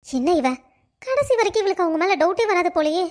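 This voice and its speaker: A woman voicing a spiteful, bossy young schemer in a cartoon, sneering and plotting in hushed tones. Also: very high voice, sing-song, brisk. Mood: scheming. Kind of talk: cartoon voice acting.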